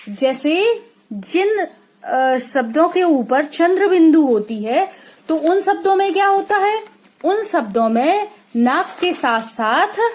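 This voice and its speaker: A woman's voice: high voice, darkish tone. A woman from India teaching young children a lesson, stretching out sample words and checking in with a frequent "okay?". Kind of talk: classroom lesson explanation.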